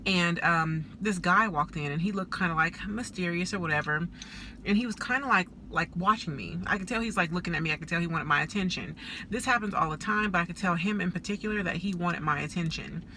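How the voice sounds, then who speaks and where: Chatty woman, bright voice, talking while eating. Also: fairly low pitch, fairly quick, a little hiss or hum. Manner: chatty, heavy use of "like" fillers. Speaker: psychic. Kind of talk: casual storytime vlog while eating.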